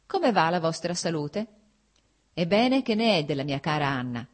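Woman doing a gentle, pleading mother. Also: low voice, sing-song, moderate pace. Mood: friendly. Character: kind, warm-hearted married woman, a mother.

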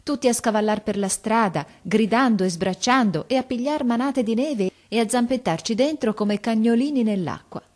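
A woman narrating a classic children's novel in an expressive reading voice that lifts on names and exclamations. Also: on the high side, normal speed, hardly any pauses. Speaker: audiobook reader.

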